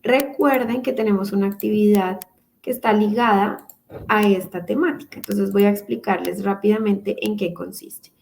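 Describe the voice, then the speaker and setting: A woman's voice: mid-range voice, steady tone, moderate pace, creaky, a little mellow, slight background noise, poor audio. A woman teaching an online class, explaining patiently step by step over a computer microphone. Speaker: English teacher. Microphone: computer mic on a video call.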